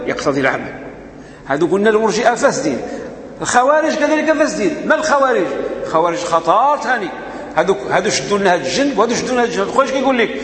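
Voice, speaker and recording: A man's voice: high voice, a bit bright. A man with a Moroccan accent giving an emphatic religious lesson, posing rhetorical questions and answering them himself. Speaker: religious teacher. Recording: echoey hall, faint background noise.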